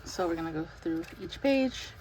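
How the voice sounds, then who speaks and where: A young woman chatting casually as she unboxes an album, talking in an excited, breathless way with lots of fillers. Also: on the low side, normal speed, a little hiss or hum, poor audio. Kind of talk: casual chat.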